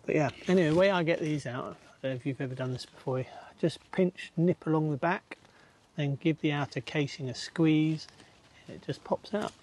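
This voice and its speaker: A man's voice: on the high side, moderate pace, darkish tone, a little hiss or hum. Easygoing man chatting outdoors. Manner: chatty, easygoing, thinks aloud with many fillers. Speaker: allotment gardener, channel host. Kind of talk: casual narration while gardening. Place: outdoors on an allotment plot.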